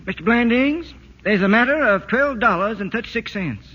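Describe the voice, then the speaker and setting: A slow, folksy country tradesman in a 1940s radio play. His voice is high, bright and a little husky, and he talks in halting, hesitant bits. The broadcast sounds dull and echoey. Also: lively intonation, full character voice. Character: plainspoken honest rural male tradesman. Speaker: tradesman collecting a bill.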